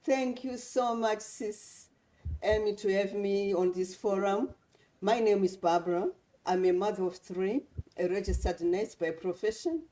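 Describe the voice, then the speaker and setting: A woman's voice: mid-range voice, a little slow, mellow, poor audio. A woman from Zimbabwe speaking earnestly as a guest on a livestream panel, in a repetitive, motivational way. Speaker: guest speaker, nurse and business mentor.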